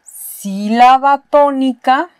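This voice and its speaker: With a high-pitched voice and drawn-out words, a Mexican woman teaches a university spelling lesson at a board, explaining patiently in steps and repeating key words. The tone is clean and the recording dry.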